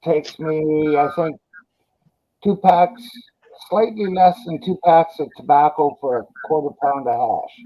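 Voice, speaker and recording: A man's voice: fairly high pitch, a little slow. A man chatting casually in a blunt, rambling, salty way. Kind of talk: casual chat. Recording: dull lo-fi audio.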